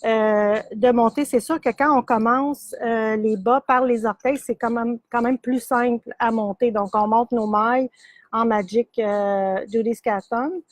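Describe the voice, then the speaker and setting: A middle-aged woman with a warm Québécois French accent talks through her yarn in a relaxed, rambling way, dotted with fillers and small laughs. Her voice sits a bit high, and the sound is close and dry with no room echo. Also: measured pace. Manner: chatty, many fillers, laughs easily. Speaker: yarn shop host. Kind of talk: casual live product demo.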